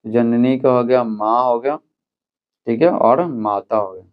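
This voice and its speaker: A man's voice: mid-range voice, unhurried, clean tone. Guy explaining a school lesson step by step, tinny phone-like audio. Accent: Hindi. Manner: repeats "theek hai" often, explains step by step. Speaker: teacher.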